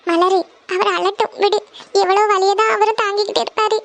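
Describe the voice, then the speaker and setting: A woman's voice: very high voice, steady tone, fairly quick, fairly bright tone. A woman voicing a worried poor mother of five daughters in a cartoon family serial, talking anxiously. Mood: sad. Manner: anxious, pleading.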